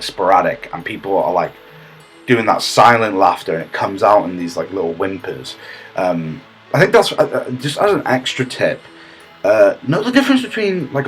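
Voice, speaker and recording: In a husky, fairly low voice, a man delivers a deadpan parody of a comedy tutorial. He sounds smug and rambles, stopping and restarting as he goes.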